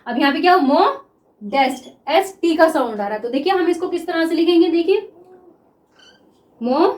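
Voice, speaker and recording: A high-pitched woman gives a classroom lesson, drawing out example words as she writes them and checking in with her students again and again. The room rings with a noticeable echo. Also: expressive. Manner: repeats words slowly while writing, asks 'clear?' often. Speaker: shorthand teacher.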